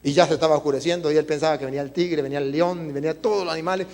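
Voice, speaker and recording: A man's voice: on the high side, steady tone, racing, darkish tone, long reverb tail. A man, a priest preaching at a retreat, telling stories animatedly and asking the audience questions. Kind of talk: sermon at a retreat.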